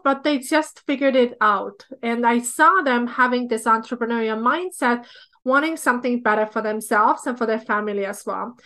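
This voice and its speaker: An Estonian business coach in her thirties, speaking with an Estonian accent, tells her story as a podcast guest in easygoing, chatty interview talk. Her voice is a little high, and she narrates in a relaxed way with light laughs.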